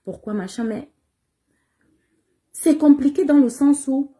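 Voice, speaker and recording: A woman's voice: high voice, slow pace, dark tone. A woman singer with a Cameroonian French accent, speaking to her audience in an emphatic, repetitive way, asking herself rhetorical questions. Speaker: bikutsi singer. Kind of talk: casual direct-to-audience address.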